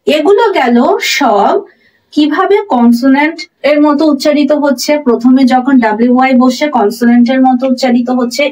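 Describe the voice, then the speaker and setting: Teacher lady, kinda high voice, says each word again and again, a bit far from the mic. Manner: repeats example words slowly and deliberately. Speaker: English pronunciation teacher. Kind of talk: explaining pronunciation in a lesson.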